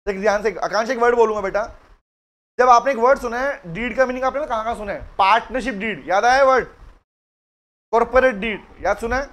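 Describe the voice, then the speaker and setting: High-voiced Indian man dictating law notes. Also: a bit bright. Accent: Indian English. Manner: dictates slowly in Hindi-English mix, calls students by name. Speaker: law lecturer. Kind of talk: live online class lecture, dictating notes.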